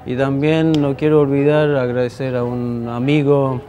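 A man from Armenia in his thirties, a guest musician on a TV studio show. He speaks with a middle pitch, stopping often for fillers and restarts. Faint music plays behind him. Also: little pitch movement, moderate pace, mellow. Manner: hesitant, many fillers and restarts. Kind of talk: TV studio interview. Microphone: lapel mic.

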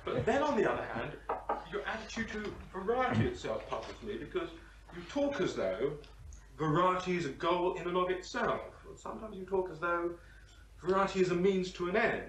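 Male questioner, mid pitch, hesitant, roomy distant audio. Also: animated, moderate pace, a bit bright. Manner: searching, hesitant, builds his argument at length. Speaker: audience member asking a question. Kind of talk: discussion question. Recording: roomy sound from far off the mic, faint hiss.

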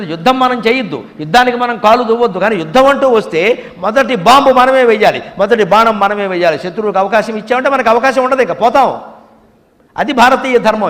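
High-voiced older man giving a sermon. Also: in a large hall. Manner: emphatic, animated, mimics voices for effect. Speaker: spiritual speaker. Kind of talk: devotional discourse.

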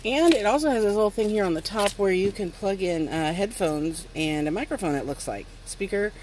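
With a medium-pitched, expressive voice that runs a little fast, the mother hosting a toy review channel unboxes something casually outside. She sits on a wooden step by a house, talks into a nearby handheld camera or phone, and builds her explanations as she goes; the outdoor handheld audio is noisy.

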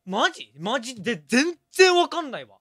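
A man hosting a game stream in an animated, teasing way and laughing often. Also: very high voice, moderate pace, no room sound, clean studio sound. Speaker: host.

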